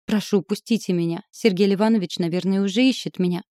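A woman's voice: mid-range voice, fairly even intonation, quick pace, warm tone, dry recording, clean studio sound, lightly acted. A woman reading the lines of a flustered, indignant young noblewoman, raising her voice above her narration. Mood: pleading. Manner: pleading, then sharply indignant. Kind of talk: audiobook character reading.

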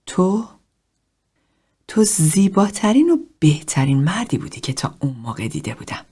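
A woman reading a tender, yearning woman in a therapy group, speaking softly in a half-whisper. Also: on the low side, sing-song, breathy edge.

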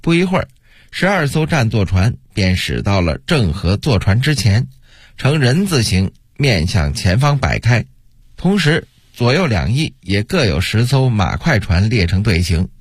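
A male storyteller narrating a historical tale for radio in an expressive, rising and falling delivery, recorded at a studio microphone. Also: lowish voice, a little slow, slightly rough, dry recording.

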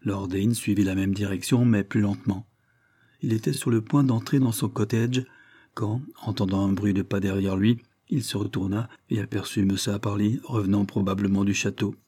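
Man narrating a classic novel audiobook, low dark husky voice, measured. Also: steady tone. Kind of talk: scripted narration of a Victorian novel.

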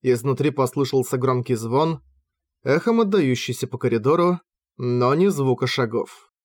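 Male audiobook narrator, mid-pitched, steady and measured, dry close home recording. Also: no echo. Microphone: close microphone, home recording.

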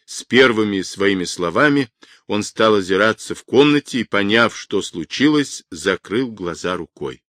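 A man narrating a literary novel in a measured, dramatic reading voice. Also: on the low side, animated, no echo, studio quality. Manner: measured, dramatic reading that rises for quoted shouts. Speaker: audiobook narrator.

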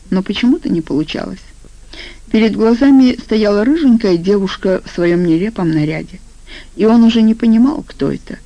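A woman narrating an audiobook in a steady, even storytelling voice. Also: mid-range voice, vocal fry, dry recording, highs cut off. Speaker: audiobook reader.

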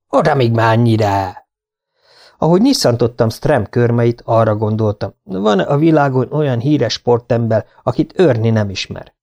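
A man's voice: medium pitch, gravelly, warm tone. Man reading a story aloud. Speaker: audiobook narrator. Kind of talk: scripted narration.

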